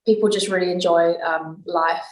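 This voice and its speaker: Appearing as a guest on a video call, a young footballer with an East Midlands English accent chats casually, with frequent laughter and many ums. Her voice is lowish with fairly even intonation at normal speed, recorded in an echoey room at low quality.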